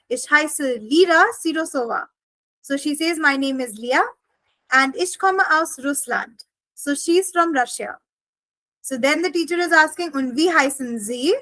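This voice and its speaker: A woman teaching a German lesson, explaining each phrase step by step and slowing down for the German examples. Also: sits high, pushed and bright, dry recording, low-quality recording.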